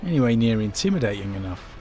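A man's voice: on the low side, lively intonation, fast, darkish tone, faint music behind. A man giving casual gameplay commentary as he plays. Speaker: let's player commenting on a game.

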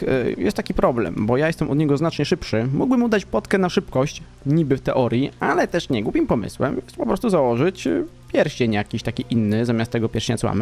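A young man casually commenting on his gameplay, chatty and exasperated, sometimes yelling at the game, over a desk mic. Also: a little high. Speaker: gaming YouTuber. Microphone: desk mic with in-ear headphones.

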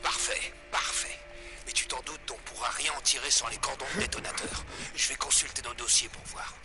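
A man's voice: mid-range voice, steady tone, normal speed, loud music behind the voice, natural voice. An actor playing an opinionated, exasperated man of authority in a video game. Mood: exasperated, brisk.

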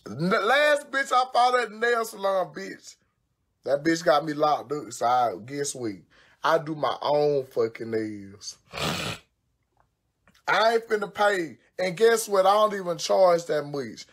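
This social media personality has a deep voice with lively intonation and speaks a little slowly. While doing her own nails on a phone livestream at home, she talks casually and curses a lot, brash and exclamatory throughout.

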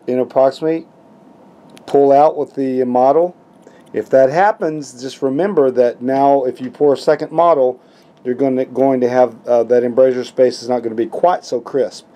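A man's voice: medium pitch, warm tone. A middle-aged man, a dentist giving a plain, step-by-step instructional demonstration. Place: small dental treatment room, indoors.

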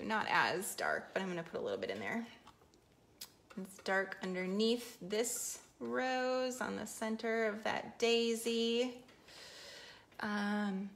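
A woman hosting a live painting lesson, chatting casually while she works on the canvas. Her voice is bright and clear, with an easygoing, loose way of explaining. She talks her viewers through each step as she goes. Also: mid-range voice.

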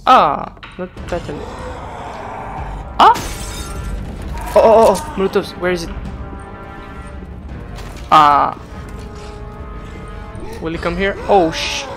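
A let's play gamer commenting casually on gameplay, excitable and joking, with yelps and non-native English phrasing. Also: mid-range voice, takes it slowly, pauses often. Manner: excitable, yelps and laughs, jokey asides. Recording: game music and gunfire under the voice.

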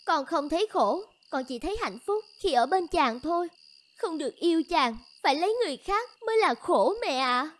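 A woman does cartoon voice acting as a devoted, stubborn young village woman in love, sounding earnest, pleading, and defiant. Her voice sits high and is animated, at a moderate pace.

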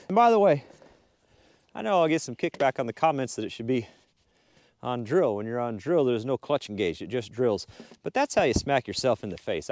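A man's voice: mid-range voice, a little mellow, no echo. A young man chatting casually while he builds a barn outdoors, explaining each step as he works. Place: outdoor wooded building site. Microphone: action camera mounted near the work.

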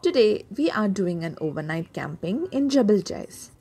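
A woman's voice: mid-range voice, very animated, normal speed, warm tone, slightly rough. A woman, narrating a family camping vlog in a storytelling way. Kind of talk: scripted voice-over narration.

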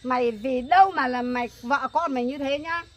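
A woman playing a bossy older neighbor who scolds and shouts commands, speaking. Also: sits high, a little fast, noisy background, lightly acted. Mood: furious. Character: bossy older female neighbor, fierce and meddling.

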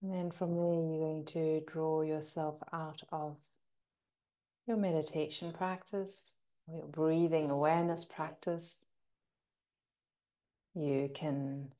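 Her voice sits low as she takes on the teacher's role in a guided breathing session. She speaks gently and soothingly, letting pauses linger.

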